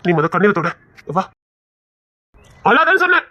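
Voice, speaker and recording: A woman's voice: medium pitch, animated, fairly quick, no echo, muffled recording. A woman playing a bold protective lover with a Tirunelveli accent. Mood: pleading. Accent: Tirunelveli Tamil. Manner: forceful, commanding, then hushed and coaxing. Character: protective young lover, bold and fiercely reassuring. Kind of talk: acted romantic drama.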